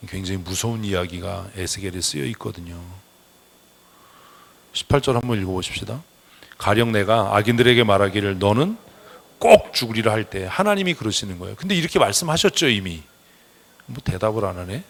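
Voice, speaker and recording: A man's voice: medium pitch, fairly bright tone. A male pastor preaching a Sunday sermon in a church, blunt and scolding, calling on the congregation to answer amen. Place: church sanctuary.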